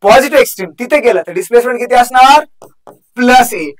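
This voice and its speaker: Man, young adult, Marathi accent, high-pitched, physics teacher, chatty, joking, quizzes students repeatedly. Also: lively intonation, fast talker, rough recording. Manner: chatty, joking, drills formulas with repeated questions. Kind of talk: energetic exam crash-course lecture.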